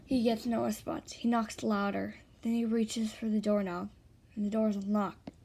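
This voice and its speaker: A woman's voice: mid-range voice, little pitch movement, moderate pace, creaky, warm tone. A young woman reading her own fan fiction aloud in a tired, plain way, with small slips. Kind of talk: reading a self-written fan story.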